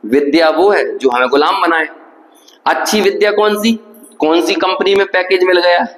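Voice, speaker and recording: Male scripture lecturer, high voice, questioning teacher's manner, reverberant hall sound. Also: moderate pace, fairly bright tone. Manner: teacherly, asks the listeners questions, mixes in English words. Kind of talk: spiritual discourse.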